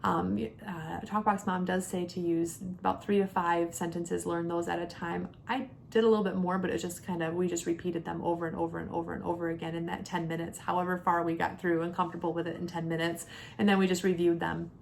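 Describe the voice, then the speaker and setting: Brisk and level-toned, this homeschooling mom in her thirties chats through a product review, explaining each step in turn. The clear recording has background noise with a low rumble.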